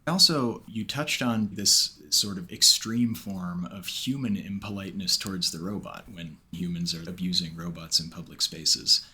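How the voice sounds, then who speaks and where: A man talking as a researcher in a measured, analytical conversational way. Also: low voice, sharp tone. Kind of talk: conversational discussion.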